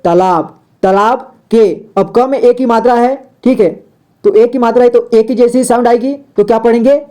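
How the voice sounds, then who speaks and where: A man's voice: very high voice, steady tone, normal speed, mellow. A man teaching a step-by-step reading lesson, patient, repeating words and asking the viewer questions.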